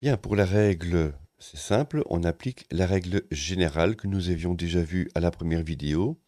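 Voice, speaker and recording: Low-voiced man teaching grammar calmly. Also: normal speed, no echo. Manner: calm, methodical, with occasional hesitations. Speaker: language teacher. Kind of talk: explanatory grammar lesson.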